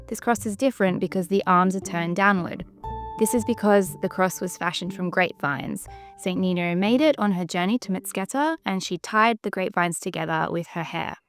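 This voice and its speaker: A woman giving scripted travel narration in a measured, descriptive storytelling manner. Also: medium pitch, gravelly. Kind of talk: scripted documentary-style narration.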